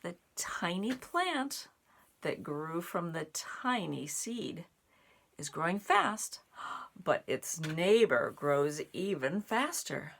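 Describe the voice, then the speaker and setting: Woman reading expressively, slow and creaky. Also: fairly low pitch. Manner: expressive, deliberate phrasing for young listeners. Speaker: storybook reader and sign language teacher. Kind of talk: reading a children's picture book aloud, with asides.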